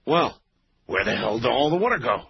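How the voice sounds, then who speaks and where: Male talk radio host, smooth broadcast delivery, unhurried and conversational, heard over a muffled lo-fi radio feed. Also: medium pitch. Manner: relaxed, conversational, with frequent "uh" and "um" pauses. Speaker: late-night radio talk show host. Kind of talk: radio call-in talk show hosting. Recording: dull lo-fi radio broadcast with faint hiss.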